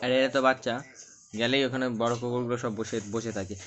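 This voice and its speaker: A man's voice: medium pitch, flat delivery, quick pace, a bit bright, highs cut off. A man chatting casually through his daily vlog, rambling and self-deprecating. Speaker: vlogger.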